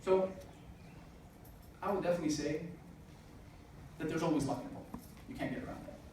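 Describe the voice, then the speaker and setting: In his twenties, a man gives an earnest motivational talk at a student business event, dropping in "uh" often. His voice runs on the high side, a little fast and a little mellow. The recording is noisy and distant, with the echo of a hall.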